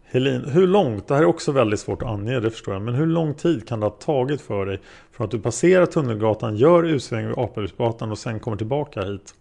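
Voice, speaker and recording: A man's voice: mid-range voice, animated, vocal fry, warm tone. A man voicing a male prosecutor who questions a witness step by step, in a methodical way. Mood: probing.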